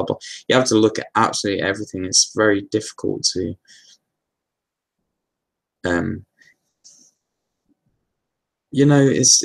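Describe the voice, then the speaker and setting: A man hosting a casual live Q&A, answering viewer questions in a relaxed, meandering way with lots of fillers and restarts. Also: fairly low pitch, vocal fry.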